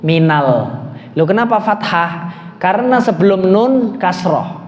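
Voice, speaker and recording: A man's voice: high-pitched, lively intonation, muffled recording. Javanese-accented man teaching Arabic grammar in an echoey hall. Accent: Indonesian, with Javanese words. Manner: quizzing students, chanting Arabic phrases slowly. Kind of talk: classroom lesson. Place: mosque hall.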